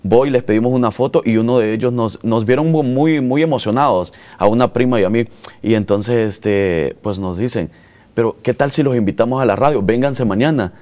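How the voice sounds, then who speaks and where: A man's voice: medium pitch, fairly quick, dark tone. A Salvadoran man in his thirties, a radio announcer, answering interview questions in an earnest, reflective way. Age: 30s.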